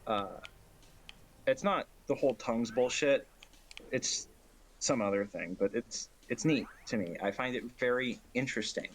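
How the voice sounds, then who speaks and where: A man's voice: medium pitch, normal speed, slight background noise. A man streaming a speedrun, chatting loosely with friends and swearing a lot as he muses. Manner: loose, profane, musing. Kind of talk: casual chat.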